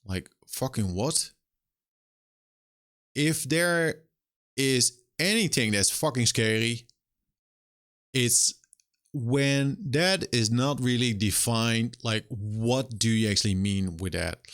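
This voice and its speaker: A man's voice: mid-range voice, slow, pauses often, a bit bright. Young man, livestream rant, profane, exasperated, casual talk. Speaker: streamer and game developer.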